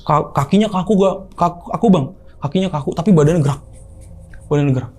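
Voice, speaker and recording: A young man casually telling a story, animated and acting out other people's voices. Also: on the high side, quick pace. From Indonesia. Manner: animated, acts out quoted voices. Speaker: guest storyteller.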